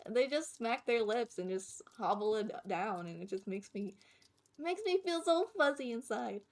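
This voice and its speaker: Cutesy, high-voiced woman streamer. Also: animated, normal speed, a little mellow. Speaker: streamer reacting to videos. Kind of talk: casual reaction commentary. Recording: music behind the voice. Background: background music.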